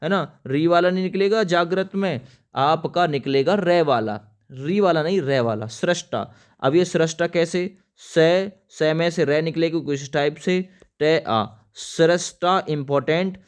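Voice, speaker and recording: A man with a smooth, clear voice pitched a little high gives a spelling lesson for exams. He spells each word out piece by piece as he writes it and keeps stressing which ones matter. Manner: spells words out letter by letter while writing; addresses viewers as friends, stresses importance. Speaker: teacher. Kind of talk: exam-prep spelling lesson.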